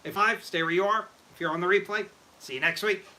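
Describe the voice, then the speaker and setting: An excitable man rambling through a casual brewing livestream, greeting viewers as he goes. His voice is very bright and sharp, and it sits a bit high for a man. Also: quick pace, a little hiss or hum. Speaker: livestream host. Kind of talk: casual live-stream chat while brewing mead.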